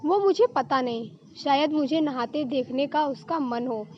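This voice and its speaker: Woman reading a teasing giggly young woman, high-pitched, storybook, muffled lo-fi recording. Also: a little slow, a little mellow, a little hiss or hum.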